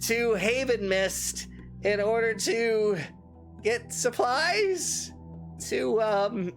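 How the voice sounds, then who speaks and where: A woman's voice: fairly high pitch, lively intonation, drawn-out words, faint music behind, heavily acted. A woman playing a cowardly, sly little merchant who stammers furtively in tabletop role-play.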